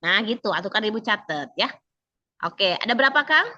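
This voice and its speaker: A woman instructor coaching an online class, slightly hoarse, chatty, and quizzing students by name. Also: mid-range voice, animated, brisk, bright, forceful tone, no room sound, lo-fi sound. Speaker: civil service training instructor.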